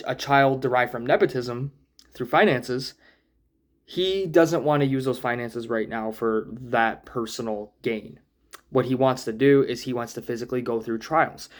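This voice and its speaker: A man's voice: medium pitch, a little mellow. Thoughtful man musing over comics. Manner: thoughtful, musing, with small hedges and fillers. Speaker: comic book reviewer, channel host. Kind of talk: casual spoken analysis monologue.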